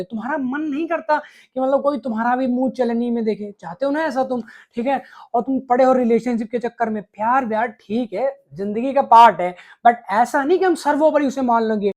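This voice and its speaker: A man's voice: very high-pitched, darkish tone. A man delivering a blunt, crude, scolding advice monologue straight to the viewer, peppered with swearing. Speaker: relationship advice vlogger.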